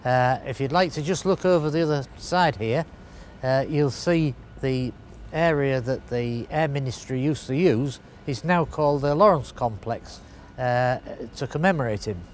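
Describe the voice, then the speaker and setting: A man's voice: mid-range voice, moderate pace, a little hiss or hum. An older man giving a local history talk in front of a brick wall, explanatory and hesitant with many fillers. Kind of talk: spoken local history presentation.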